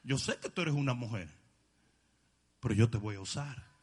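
A man doing the calm voice of God. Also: mid-range voice, normal speed, breathy edge, voice pushed down. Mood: reassuring. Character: calm, reassuring God speaking to a woman.

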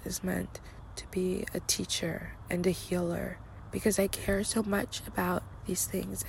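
A young woman talking openly and earnestly, her voice often dipping into a gravelly fry. She muses aloud with plenty of "like"s, sometimes softening almost to a whisper, while a faint vehicle rumble hums underneath. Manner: earnest, reflective, with frequent "like" fillers and soft, near-whispered passages. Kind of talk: candid personal monologue.

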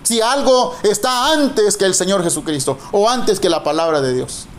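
A middle-aged male pastor preaching a sermon, emphatic and drawing out key words slowly. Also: sits high, a little hiss or hum.

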